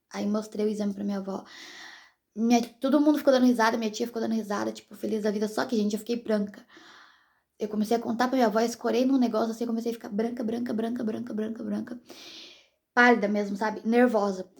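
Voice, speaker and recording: Young woman, brazilian, casual vlog storytelling, gravelly fry, slightly high voice. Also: a little mellow. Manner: chatty, rambling, addresses viewers directly. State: pregnant. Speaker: vlogger.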